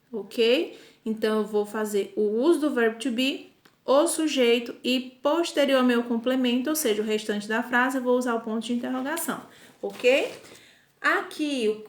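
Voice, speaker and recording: A high-pitched woman gives a recorded lesson to schoolchildren. She talks patiently, pausing to check understanding and carefully slowing down on each English example. The room around her has a noticeable echo. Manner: patient, slow and deliberate, repeats "tá?" and "ok?" checks. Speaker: primary school English teacher.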